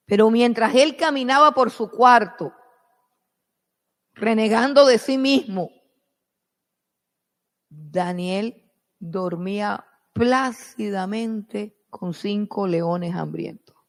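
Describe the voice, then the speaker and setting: A preacher delivers a sermon in a slow, measured cadence with a gravelly edge to the voice. Phrases come back again and again for emphasis, and the loudness climbs in bursts before sinking to near a hush. The sound carries the long reverb of a large hall. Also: mid-range voice. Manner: dramatic retelling with sudden swells and drops in loudness.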